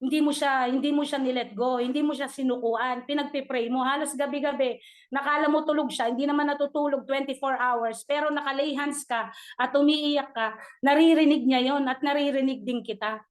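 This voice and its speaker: A woman's voice: sits high, steady tone, a little fast. A middle-aged woman sharing her church testimony in a chatty way, laughing often and mixing in English.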